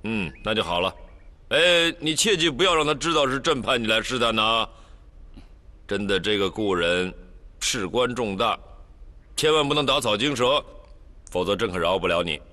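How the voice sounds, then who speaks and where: A stern emperor, bright-toned. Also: male voice, lowish voice, lively intonation, in a large hall. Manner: measured, stern, warning. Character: commanding emperor, grave and stern.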